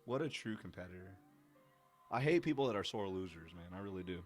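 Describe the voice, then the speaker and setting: A man hosting a live watch-along podcast, giving chatty, excited commentary and talking to his listeners. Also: low voice, brisk, faint music behind. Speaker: podcast host.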